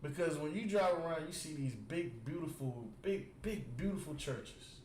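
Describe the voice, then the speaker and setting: A man's voice: on the high side, animated, normal speed, a little mellow. A man preaching to a group, repeating his words for emphasis and often asking whether they understand. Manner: keeps asking "You understand?" after nearly every point; emphatic, repeats words while building a point. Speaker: religious teacher. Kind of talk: street preaching with call and response. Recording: echoey space with faint background noise.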